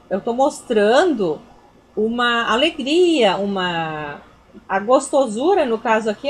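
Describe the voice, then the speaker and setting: A woman with a Brazilian Portuguese accent and a slightly high voice gives a recorded grammar lesson for children. As a teacher, she explains patiently, repeats herself, and points things out.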